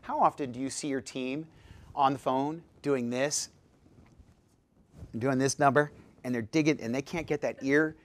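Lively man presenting a live seminar. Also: mid-range voice, a little slow, long pauses. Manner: lively, jokey, quizzes the audience. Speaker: presenter at a dental practice seminar. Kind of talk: live seminar talk to an audience.

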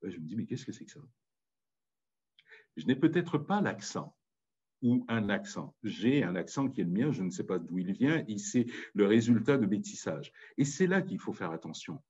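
A man's voice: fairly low pitch, very animated, moderate pace, a little mellow, slightly rough, muffled recording. A man with a Parisian accent giving an impassioned, emphatic public talk. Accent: Parisian French. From France. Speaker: speaker. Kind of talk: public talk on language and community.

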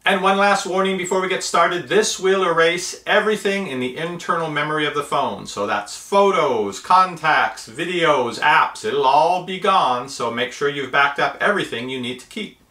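A man in his fifties hosts a tech tutorial channel, calmly walking through each step of a how-to while seated at a table in a small room. His voice is on the high side, bright and forceful, delivered at normal speed with few pauses. The room adds a noticeable echo.

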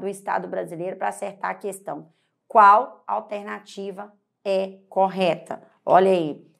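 A woman's voice: medium pitch, gravelly. A woman teacher with a Brazilian Portuguese accent, giving an exam-prep grammar lesson and addressing the student directly with frequent tag questions.

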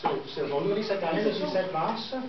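A middle-aged man from southern England, a native English speaker with an English accent, teaching a school class in simple, halting phrases with repetitions. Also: high-pitched, expressive. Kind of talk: classroom lesson. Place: indoor school classroom with pupils. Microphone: distant camera microphone. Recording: echoey noisy classroom, muffled, from far off.

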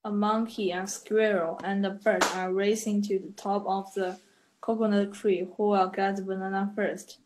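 A woman's voice: mid-range voice, little pitch movement, normal speed, a little mellow, low-quality recording. A woman student in an online English lesson, reading sentences aloud carefully. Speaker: ESL student.

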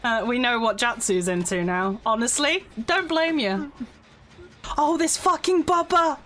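A woman streaming a video game, talking casually as she plays, excitable and quick to swear. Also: a little high. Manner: excitable, swears and laughs often. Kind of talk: casual gameplay commentary.

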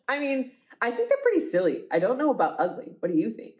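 In this muffled recording, a woman leads a children's storytime for a library, reading aloud and posing frequent questions to her young listeners. She talks a little fast, her fairly high voice rising and falling dramatically.

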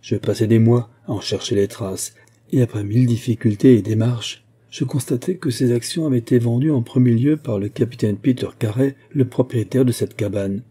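A man reading as an anxious young man laying out his story in an audiobook. his delivery is earnest and measured. the voice underneath is very dark and husky. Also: mid-range voice, natural voice.

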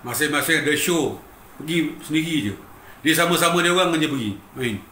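A middle-aged Malaysian man with a Malaysian accent speaks in a fairly high, bright and tense voice. He talks emphatically and repeats himself for weight. The recording has a roomy echo with faint ambience behind it. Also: fairly quick, slight background noise. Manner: emphatic, repetitive, keeps addressing the listener as "bang". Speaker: guitarist telling his story. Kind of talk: emotional personal storytelling.

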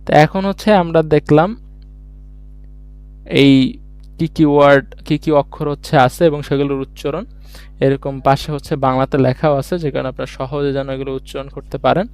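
A man's voice: mid-range voice, steady tone, fairly quick, smooth. A man teaching a beginners' language lesson online, explaining each step patiently and answering his own questions as he goes. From Bangladesh.

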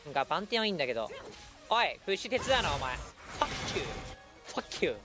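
A man giving lively live commentary while streaming a game, breaking into quick shouted reactions and laughs. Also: a little high, music in the background.

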